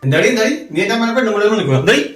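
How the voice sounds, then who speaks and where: Man as a fast-talking cruel husband. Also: sits high, very animated, music in the background. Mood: angry. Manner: rapid, scolding, contemptuous. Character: arrogant, cruel husband who cheats. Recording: echoey room.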